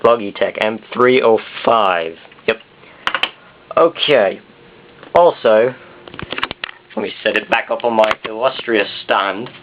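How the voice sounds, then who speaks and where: A man's voice: lowish voice, slow pace, pauses often, background noise. A man with a Southern US accent rambling casually to the camera in an off-the-cuff, self-deprecating vlog. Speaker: video blogger. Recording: dull, muffled consumer camera sound.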